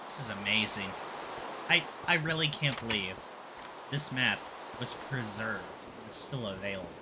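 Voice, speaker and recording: A young adult hosting a gaming let's play, giving commentary and reading story text aloud in a halting, amateur dramatic way. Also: mid-range voice, heavy background noise. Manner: halting when reading, stumbles and repeats phrases.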